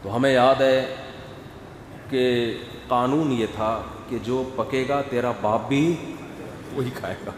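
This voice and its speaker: A man preaching a sermon, animated and acting out family scenes. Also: medium pitch, slight background noise. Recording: echoey hall, faint ambience.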